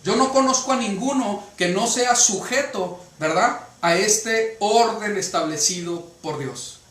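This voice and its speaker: A pastor from Mexico preaches to his congregation, frequently checking in with rhetorical questions. His voice sits high, moves a little slowly, and has a fairly bright tone, recorded from a distance in an echoey room.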